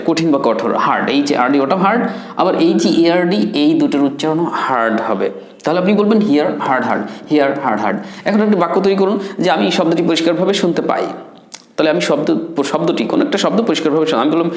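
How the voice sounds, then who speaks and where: A man teaching a spoken English lesson, drilling word forms with slow repetition. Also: mid-range voice. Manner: repeats words and forms slowly, drills pronunciation. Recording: echoey room.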